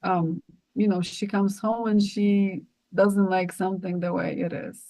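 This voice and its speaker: A woman's voice: mid-range voice, little pitch movement, unhurried, warm tone, rough recording. A woman co-hosting a spiritual podcast, talking in an earnest, rambling way with many restarts. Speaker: podcast co-host.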